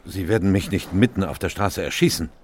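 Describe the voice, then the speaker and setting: An actor playing an earnest, troubled doctor who narrates a radio drama in a measured, reflective way. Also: male voice, low-pitched, a little hiss or hum, close to an everyday voice. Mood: wary.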